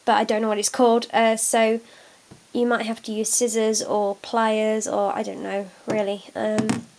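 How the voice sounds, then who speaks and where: With a blocked nose from a cold, a young woman chats her way through a craft tutorial, working at an indoor table with her hands in frame. Her fairly high, slightly mellow voice is full of fillers, and there's slight background noise.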